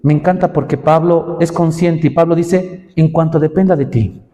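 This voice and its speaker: A man preaching a sermon to young people, impassioned and rising in pitch for emphasis. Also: fairly even intonation, moderate pace, mellow, big-room sound. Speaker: pastor. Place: church.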